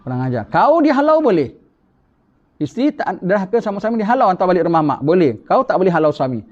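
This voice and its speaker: Male religious teacher, emphatic lecture delivery, fairly high voice, muffled lo-fi audio. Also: lively intonation, very fast, darkish tone. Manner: emphatic, rhetorical questions. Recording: dull lo-fi recording.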